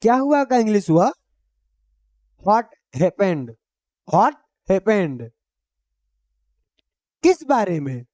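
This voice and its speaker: Male tutor, unhurried drill style, repeats each phrase, dry close-miked voice. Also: sits high, very animated, warm tone, no room sound. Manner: simple, homely explanations. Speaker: English teacher. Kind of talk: Hindi-language English lesson.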